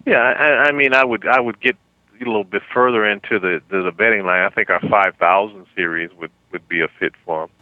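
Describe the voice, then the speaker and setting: A man working as a phone sales representative, speaking politely and somewhat haltingly over a telephone line. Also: fairly low pitch, fairly even intonation, no room sound. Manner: polite, stammering, calls the caller ma'am. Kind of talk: customer service phone conversation. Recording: thin, dull telephone line.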